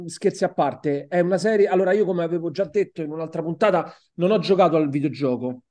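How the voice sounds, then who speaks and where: A man's voice: high voice, warm tone. A man with an Italian accent co-hosting a podcast, chatting casually about a TV series and often repeating words while he searches for the next one. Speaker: podcast co-host. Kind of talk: casual film and TV review chat.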